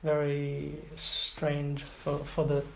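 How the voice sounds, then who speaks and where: A man in his twenties from Iraq, a guest in a casual interview, speaks extremely slowly in a fairly high, gravelly voice with a completely flat delivery. He is hesitant, with many fillers and restarts, and the recording has roomy echo and faint background noise.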